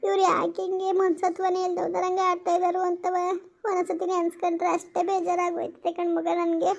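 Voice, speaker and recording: A woman's voice: very high voice, monotone, a little fast, creaky, a little mellow. Woman voicing a tearful pregnant young wife. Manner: sobbing, plaintive complaints. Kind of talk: animated story voice-over. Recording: lo-fi, dull voice-over.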